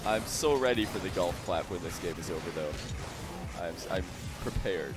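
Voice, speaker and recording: A man's voice: low voice, animated, moderate pace, loud music behind the voice. A man commentating a live esports match in a joking, playful way, laughing often.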